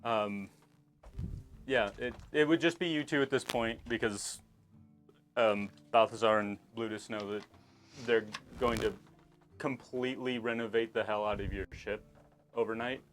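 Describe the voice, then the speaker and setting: A man running a tabletop game as game master, speaking in a calm, measured way. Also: mid-range voice, faint music behind.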